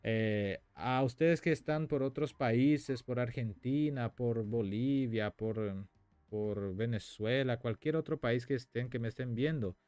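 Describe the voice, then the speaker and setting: A man's voice: mid-range voice, measured pace, a little mellow, no echo. A man from Paraguay, whose first language is Spanish, teaching a Guarani lesson on a live stream in a chatty way, reading out viewer comments and thinking aloud with many fillers.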